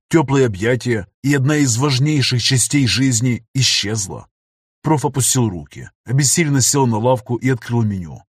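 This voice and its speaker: A man calmly narrating an audiobook in a measured storytelling manner. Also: mid-range voice, slightly rough, dry recording, clean studio sound. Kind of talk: scripted narration.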